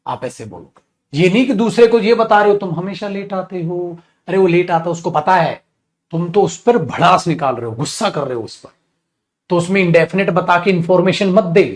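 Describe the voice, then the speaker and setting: A man's voice: high voice, animated, fairly quick. A man teaching an English grammar class in Hindi, calling students "beta" and acting out angry scolding examples. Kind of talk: live online grammar class.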